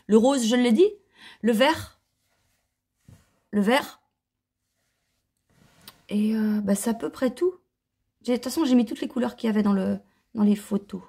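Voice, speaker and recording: Chatty woman vlogger, slightly high voice. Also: dark tone, breathy edge. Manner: chatty, rambling, with frequent restarts and hesitations. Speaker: knitting vlogger and yarn dyer. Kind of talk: casual chat. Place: home living room, on the sofa.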